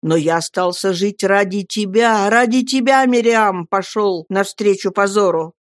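A woman's voice: mid-range voice, measured pace, no echo, lightly acted. An ardent young Roman soldier in a storybook, speaking with proud, emphatic passion, as a woman reads him. The voice stays in a medium range, and the sound is close and dry. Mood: resolute. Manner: emphatic, impassioned delivery.

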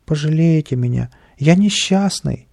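A man's voice: medium pitch, very animated, normal speed, warm tone, slightly rough. A man voicing a tiny, scruffy, boastful and cowardly male creature in a storybook reading, with a bratty, whining manner. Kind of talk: storybook character voice.

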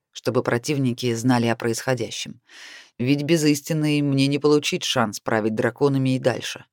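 A man's voice: mid-range voice, darkish tone, no echo, studio quality. Man reading an audiobook steadily. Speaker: audiobook reader. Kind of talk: audiobook narration.

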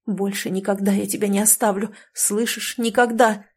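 A woman voicing a devoted man in an audiobook, speaking tenderly and hushed. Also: mid-range voice, little pitch movement, moderate pace, slightly rough.

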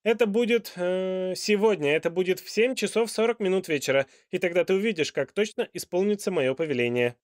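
A man's voice: brisk, hardly any pauses, no room sound, studio quality, close to an everyday voice. A man doing a pompous proud old king. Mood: commanding. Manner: commanding, loud and high-pitched.

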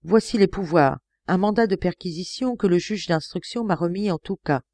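A woman's voice: lowish voice, moderate pace, mellow, dry recording, natural voice. A woman reading an audiobook, voicing a young male police detective who asks pressing, urgent questions.

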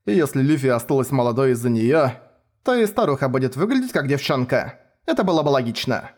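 A man voicing a haughty, sharp-tongued girl with an irritable, scornful manner. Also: mid-range voice, sing-song, fast talker.

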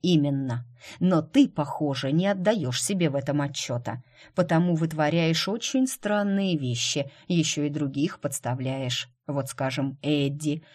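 A woman voicing a calm, mocking aristocratic count in an audiobook, unhurried and dryly teasing. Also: low-pitched.

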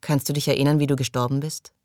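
A man voicing a calm, dry crew leader. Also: medium pitch, fast, no echo, lightly acted. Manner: gentle, even, dryly mocking.

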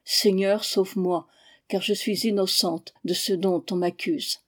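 A woman's voice: mid-range voice, fairly even intonation, unhurried, close to an everyday voice. A woman voicing a distraught imprisoned young queen who cries out in anguish and pleads her innocence. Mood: pleading.

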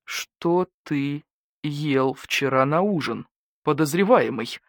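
A woman's voice: mid-range voice, big pitch swings, moderate pace, darkish tone, slightly rough, no echo, clean studio sound, voice pushed up. Woman playing an icy badger-cat detective. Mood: cold. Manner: cold, suspicious interrogating tone.

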